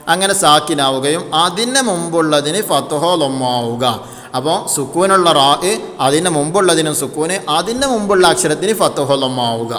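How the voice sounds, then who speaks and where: Guy teaching tajweed, kinda high voice, patient, keeps quizzing then answering himself, lots of reverb. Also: a bit bright. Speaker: Quran recitation teacher. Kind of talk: tajweed lesson.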